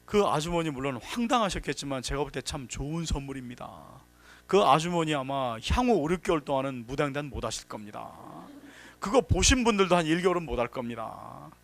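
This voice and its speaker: A man's voice: fairly high pitch, expressive, a little fast, creaky. A man giving a workshop lecture on safety, telling anecdotes, acting out quotes and giving emphatic warnings. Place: workshop hall.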